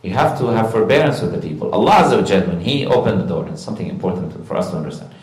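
A man earnestly telling a story in conversation, animated and sprinkled with religious phrases. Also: on the low side, rapid-fire. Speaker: guest recounting a live stream encounter. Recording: roomy echo.

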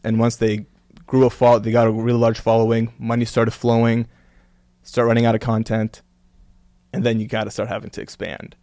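A religious content creator who grew up in Kuwait and Canada speaks as a guest in a casual interview. His lowish, darkish voice is recorded with no room sound. He comes across earnest and reflective, leaning on "you know" again and again.

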